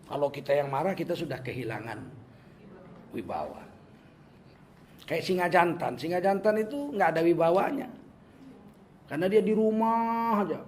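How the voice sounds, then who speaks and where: An older male preacher with a Medan accent gives a humorous talk to his listeners. His voice sits high for a man, and he jokes and acts out the people he quotes. Faint ambience hums under the recording. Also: animated, normal speed, pauses often, a little mellow, slight background noise. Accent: Medan Indonesian. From Medan, North Sumatra, Indonesia.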